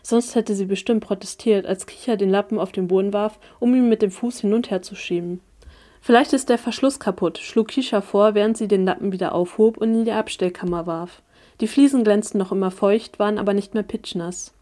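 A woman reading a first-person story aloud in steady, measured audiobook narration. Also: mid-range voice.

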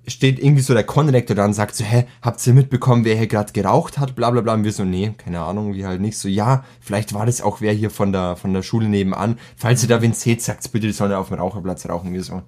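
A teenage boy chatting casually as a podcast co-host, telling a school story in slangy, animated fashion. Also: on the low side, fast talker, few pauses. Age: teens. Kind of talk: casual chat.

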